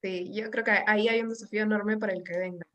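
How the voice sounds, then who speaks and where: A woman's voice: mid-range voice, steady tone, fast talker, lo-fi sound. A woman hosting a conversational interview, talking in an engaged, thoughtful way with some fillers. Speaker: interview host.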